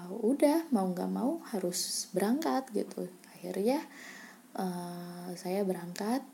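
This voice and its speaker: Brief: a woman interviewee with a dark, gravelly voice, candid and soft-spoken, often dropping to a half-whisper. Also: mid-range voice, slight background noise. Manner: candid, many fillers and restarts. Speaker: interviewee, scholarship student abroad. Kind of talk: reflective personal story in an interview.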